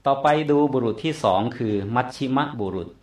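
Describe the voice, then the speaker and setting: A man teaching a Pali grammar lesson, explaining slowly and repeating terms to drill pronunciation. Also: mid-range voice, darkish tone. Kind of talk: classroom lecture. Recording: echoey room.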